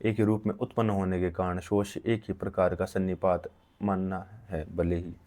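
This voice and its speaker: Low, flat-voiced man reading aloud. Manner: halting reading with frequent restarts. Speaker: reader of an ancient medical text. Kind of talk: slow recitation reading aloud.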